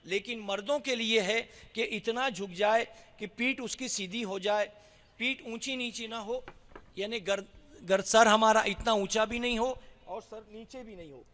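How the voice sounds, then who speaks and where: A man's voice: high-pitched, a bit bright, big-room sound. A man teaching a religious practice step by step, patient and explanatory, asking rhetorical questions. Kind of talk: instructional explanation.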